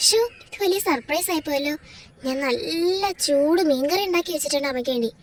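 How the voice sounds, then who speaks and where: A young wife, innocent and bewildered, pleads in a very high, thin voice and keeps asking what is wrong, voiced by a performer. The home-made doll drama carries a faint hiss behind her. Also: brisk, lightly acted. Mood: pleading. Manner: pleading, confused, rising to tearful.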